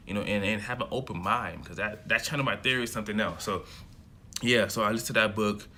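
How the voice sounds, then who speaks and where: A young adult man from America, early twenties, delivers a casual, rambling self-development vlog straight to camera, full of fillers and restarts. He speaks a little fast in a low-leaning, pushed and bright voice, over slight background noise.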